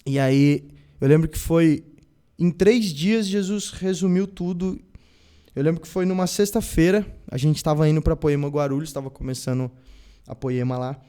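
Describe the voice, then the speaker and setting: A young adult man with a Brazilian Portuguese accent, a podcast guest telling a personal story in a casual, animated way and acting out the dialogue he quotes. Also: a little high, normal speed, clean tone. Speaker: podcast guest, band musician.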